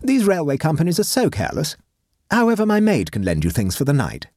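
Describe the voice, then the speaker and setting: A man's voice: fairly high pitch, wildly swooping pitch, fairly quick, darkish tone, dry recording, studio quality, pitched above the performer's own voice. A man reading a story aloud and voicing a domineering, pompous wealthy woman who hires a governess. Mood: imperious. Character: imperious wealthy middle-aged woman employer.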